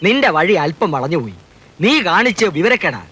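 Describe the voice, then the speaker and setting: Animated, highish village father. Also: brisk, husky, full character voice. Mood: knowing, grumbling. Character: opinionated village father, talkative and advising. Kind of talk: film drama dialogue.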